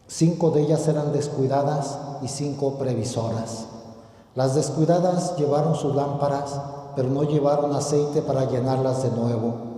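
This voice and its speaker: A priest reads the Gospel solemnly and preaches at Mass, partly chanting, in a large church with a cathedral echo. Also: male voice, dark tone. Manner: slow, measured liturgical delivery, partly chanted. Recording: booming cathedral echo with long reverb.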